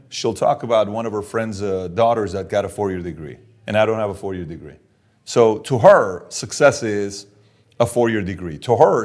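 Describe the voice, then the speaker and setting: A middle-aged Iranian entrepreneur with a fairly low, darkish voice is being interviewed in an animated business conversation. He emphatically works through figures aloud, stressing points by repeating "okay?".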